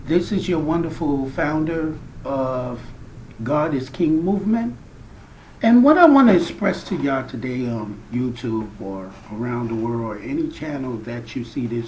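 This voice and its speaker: Slow, animated man preaching to viewers. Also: low-quality recording. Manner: slow, emphatic preaching with big swings in pitch and loudness. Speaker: founder of a spiritual movement. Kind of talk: spiritual address to viewers.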